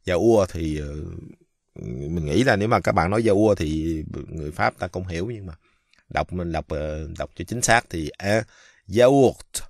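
A man from Vietnam giving a casual pronunciation lesson, speaking slowly and haltingly with many fillers and drawing out the example words. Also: low-pitched, dry recording, clean studio sound. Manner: slow, halting, many fillers, repeats French words drawn out. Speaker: French teacher.

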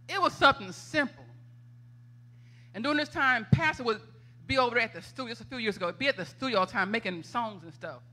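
Woman preacher, bright and forceful, tells stories with laughter. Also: a little high. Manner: animated, laughing storyteller, conversational. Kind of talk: testimony sermon. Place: church sanctuary.

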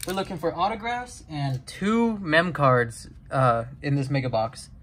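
A young man talks his way through opening a box of trading cards, reading names one after another at an unhurried pace. He gets chatty and excited over the big pulls. A faint hum of room noise sits behind him. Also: fairly high pitch. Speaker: card-breaking YouTuber. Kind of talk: casual card-opening vlog.

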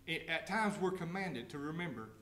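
A man's voice: on the high side, expressive, pushed and bright. Preaching man in an echoey church. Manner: reads scripture slowly, then explains it in plain everyday words; asks the congregation direct questions. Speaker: pastor. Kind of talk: sermon. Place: church sanctuary.

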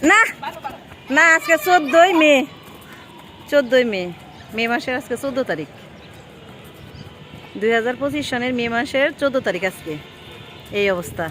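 A woman with a high, light voice speaks in a casual, coaxing way, full of questions and gentle instructions. She records outdoors by the water on a handheld phone. A faint outdoor hum sits behind her. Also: lively intonation, normal speed, pauses often. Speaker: vlogger. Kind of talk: casual vlog talk with a child.

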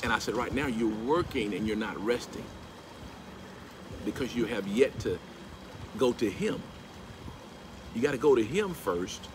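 Unhurried and pausing often, a middle-aged man with a mid-range voice tells a story to his phone, held at arm's length, outside by a house's pool. He becomes animated and breaks into emphatic preaching as he quotes scripture in this casual vlog. Steady background noise runs through the outdoor recording.

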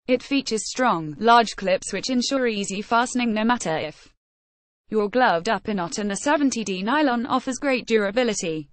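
A woman's voice: fairly high pitch, expressive, moderate pace, dry recording. A woman reading out a product review in scripted narration, saying ratings and web addresses word for word.

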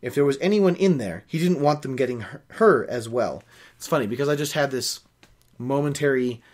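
A young adult man hosts a book-reading show from a small home office, reading a novel aloud and stopping to offer opinionated, nitpicky commentary. His medium-pitched voice is expressive, brisk, and a little mellow.

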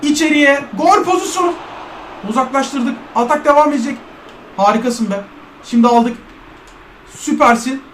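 Excitable man calling his own football game. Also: extremely high pitch, normal speed, long pauses, echoey room, a little hiss or hum. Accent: Turkish. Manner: play-by-play calls, shouting at chances, urging "bas bas". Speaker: gamer commentating his own match. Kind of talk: excited self-commentary while playing.

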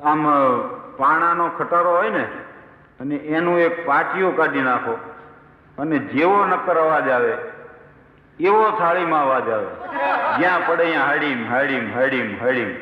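A man telling a comic folk tale, chuckling through a lively delivery full of quoted exchanges. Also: on the high side, dull audio. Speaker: storyteller. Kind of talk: humorous folk storytelling. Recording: echoey hall with long reverb.

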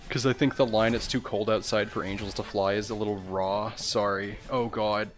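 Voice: medium pitch, steady tone, normal speed. A streamer chatting casually and swearing while playing a video game. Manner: swearing, joking, reacting to gameplay. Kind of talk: casual gaming chat. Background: faint game music.

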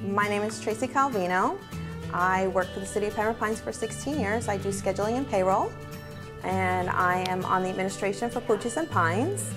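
A woman's voice: medium pitch, normal speed. A woman in her forties, a rescue volunteer administrator, chatting enthusiastically while giving a tour of a small kennel. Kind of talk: on-camera interview and tour. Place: small indoor kennel room. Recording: echoey room with music under it.

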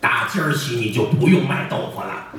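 A man with a Beijing accent voicing a pompous old Qing official who speaks slowly and self-importantly, on an echoey stage recording. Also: medium pitch, lively intonation, a bit bright, slight background noise, voice pushed down, close to an everyday voice. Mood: pleased. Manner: slow, drawn-out, self-important. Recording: echoey stage audio from far off.

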